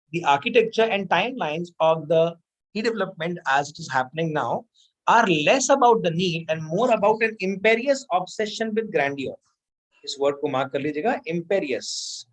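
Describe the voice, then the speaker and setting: This is a woman with an Indian accent, teaching a vocabulary lesson at an unhurried pace. She switches between Hindi and English, stresses and repeats key words, and keeps asking her students questions. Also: lowish voice, low-quality recording.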